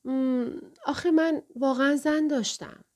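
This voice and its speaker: A woman voicing a quiet, forgetful man who speaks softly and haltingly in an audiobook reading. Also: a little high, lively intonation. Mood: hesitant. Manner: soft-spoken, halting. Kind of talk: audiobook character voice.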